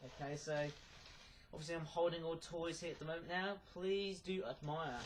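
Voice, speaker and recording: A man's voice: on the high side, flat delivery, brisk, slight background noise. A man chatting casually in a rambling vlog, hesitating and repeating himself as he goes. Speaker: YouTube vlogger.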